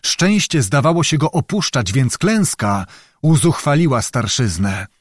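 Male narrator, audiobook, measured, dramatic, mid pitch, dry recording. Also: big pitch swings, no echo.

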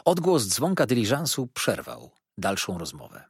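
A man reading a classic novel aloud as a measured first-person narrator. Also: lowish voice, wildly swooping pitch, vocal fry, breathy edge, no room sound, clean studio sound. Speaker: audiobook narrator.

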